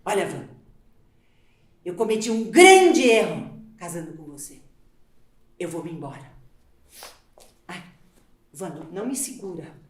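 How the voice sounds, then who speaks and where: An actress playing an overworked, exasperated housewife on a theater stage, swinging from hushed pleading to shrill outbursts. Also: female voice, reverberant, natural voice. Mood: indignant. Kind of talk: live stage theater acting.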